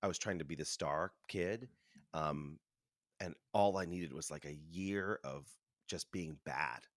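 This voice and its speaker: A man in his thirties, a Broadway performer talking as an interview guest, telling animated stories and chewing food as he talks. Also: very deep voice, measured pace, dry recording, studio quality. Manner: animated storytelling, acts out voices, chuckles. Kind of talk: casual conversational interview.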